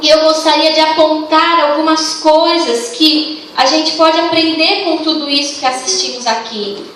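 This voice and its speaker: A young Brazilian woman giving a sermon at a youth congress, telling her story warmly and acting out the dialogue. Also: sits high, steady tone, moderate pace, a little hiss or hum. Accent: Brazilian Portuguese. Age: young adult. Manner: warm storytelling, acts out dialogue. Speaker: youth congress leader and preacher. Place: church hall. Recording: distant echoey church hall.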